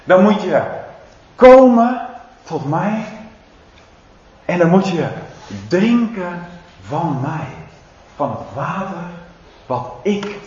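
A man preaching a sermon to a church congregation, swinging from loud proclaiming to low, intimate asides, and speaking to his listeners in a casual, direct way. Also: sing-song, extremely slow, pauses often. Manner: emphatic, building to loud proclaiming, then dropping low and intimate. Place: church service. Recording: roomy, slightly dull hall sound.

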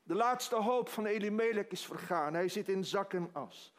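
A man's voice: sits high, moderate pace. A man preaching a sermon, retelling a story dramatically with quoted dialogue.

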